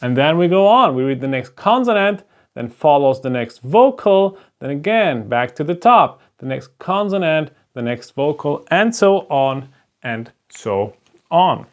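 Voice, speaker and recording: The voice is male, on the high side, unhurried, with big pitch swings. He is a Hebrew teacher, a native German speaker with a German accent, giving a slow explanatory lesson at a board, patiently stepping through it and asking "right?"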